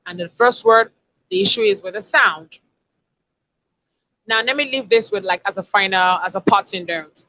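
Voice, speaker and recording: A woman's voice: mid-range voice, expressive, normal speed, pauses often, bright, forceful tone, lo-fi sound. A woman, a communication expert explaining and demonstrating word sounds in an online lesson over a video call. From Africa.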